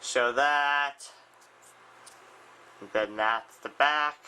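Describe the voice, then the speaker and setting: A man talks through a toy set in an unhurried, halting way, stopping often to say um and restart. His tone is bright and a little tense. The talk is loose and unscripted. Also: mid-range voice, slight background noise. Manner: hesitant, frequent ums and restarts. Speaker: toy reviewer. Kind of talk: casual unscripted product review.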